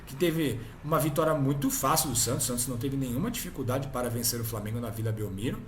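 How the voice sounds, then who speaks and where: A man's voice: on the high side, a bit bright, echoey room, slight background noise. A man hosting a casual football history talk, chatty and often ending his points with tag questions. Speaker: host.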